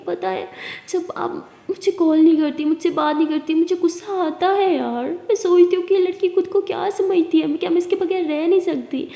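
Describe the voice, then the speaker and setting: A woman's voice: very high voice, creaky, mellow, voice pushed up. A woman voicing a lovesick, apologetic young woman who pleads through tears. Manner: pleading, tearful. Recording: roomy reverberant room.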